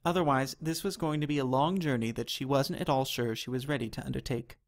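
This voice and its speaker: A man narrating an animated chapter of a children's novel in a steady, even reading. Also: mid-range voice, a little fast. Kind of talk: storybook narration.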